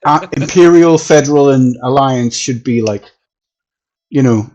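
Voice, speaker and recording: A man chatting casually about a space game on a podcast, animated and swearing, often laughing. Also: mid-range voice, a little slow, dull audio. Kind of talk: casual gaming chat.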